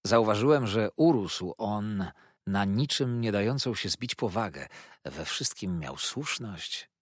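A man narrating a classic novel as an audiobook, in measured, expressive storytelling. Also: lowish voice, slightly rough, no room sound, studio quality.

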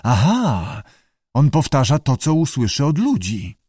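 A man's voice: mid-range voice, huge pitch swings, unhurried, mellow, husky, no room sound, studio quality, exaggerated voice. A man voicing a bewildered, plain-spoken middle-aged zookeeper who stammers when flustered.

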